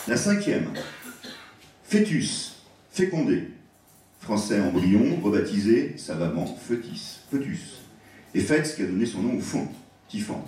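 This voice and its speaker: A man's voice: medium pitch, a little mellow. A man giving a public lecture on word origins, speaking expressively and savouring each word. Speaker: guest lecturer. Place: large hall at an evening event. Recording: echoey hall, voice from a distance.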